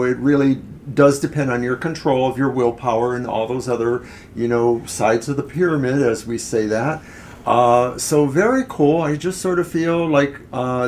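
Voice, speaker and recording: Unhurried man musing over tarot. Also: mid-range voice, darkish tone, a little hiss or hum. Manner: unhurried, musing, with many "uh" fillers. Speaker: tarot reader, co-host. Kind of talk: casual live-stream tarot chat.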